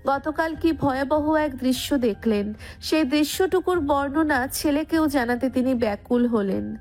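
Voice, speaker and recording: High-voiced woman narrating over music. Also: a little slow, darkish tone. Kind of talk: scripted romantic story narration.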